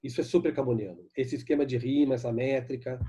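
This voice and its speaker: A man teaching a literature lesson with a Brazilian Portuguese accent, reading poems aloud slowly and checking in with students as he explains. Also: medium pitch, fairly even intonation, mellow, breathy edge. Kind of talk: recorded online class lesson.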